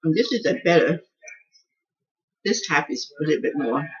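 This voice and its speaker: A woman's voice: sits low, lively intonation, moderate pace. Chatty home cook woman, dull lo-fi sound. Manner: chatty, thinks aloud, restarts words. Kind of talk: casual cooking video, tasting.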